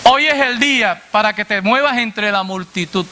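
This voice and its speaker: A man preacher delivering a sermon to a congregation, asking "what?" and answering himself in a lower voice, addressing listeners as brother. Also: normal speed, sharp tone, a little hiss or hum. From Latin America. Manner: call-and-response questions, dropping low on the answer.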